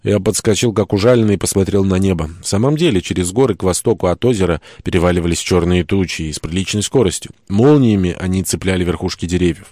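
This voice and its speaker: Deep-voiced male audiobook narrator. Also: quick pace, few pauses, no echo, studio quality. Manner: wry, expressive storytelling. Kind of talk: first-person audiobook narration.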